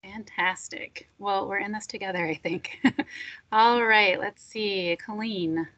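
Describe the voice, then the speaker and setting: A woman's voice: medium pitch, fairly even intonation, slow, bright, forceful tone, highs cut off. A woman leading introductions on a video call, calling on each person by name in an upbeat way. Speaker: meeting facilitator.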